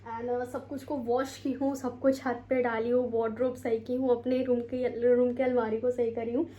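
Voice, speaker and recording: A woman's voice: fairly high pitch, little pitch movement, moderate pace, warm tone. A young woman from India chatting casually to her camera at home as a vlogger, rambling and mixing English words into her talk, tired and sore from a long day. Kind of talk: casual vlog chat to camera. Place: home, bedroom.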